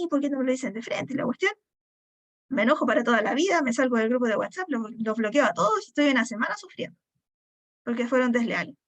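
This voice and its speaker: Lady psychologist teaching a class, high voice, acts out bits of dialogue, keeps asking "ya?". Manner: acts out quoted dialogue with jumps in pitch; repeats key points and checks in with "¿ya?". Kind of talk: lecture with acted-out examples.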